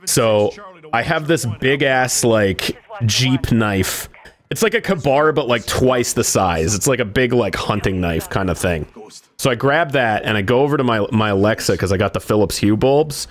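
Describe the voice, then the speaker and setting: A man's voice: medium pitch, lively intonation, normal speed. A man hosting a casual game stream, telling rambling stories full of fillers and swearing. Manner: rambling storyteller, heavy on "like" and swearing. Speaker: streamer host. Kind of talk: casual gaming stream chat.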